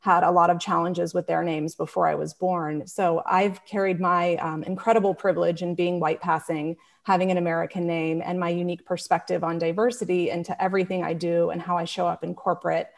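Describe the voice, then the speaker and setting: Earnest woman panelist, reflective, voice a little low. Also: flat delivery, fairly quick, vocal fry, few pauses. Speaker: panelist, founder. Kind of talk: panel introduction.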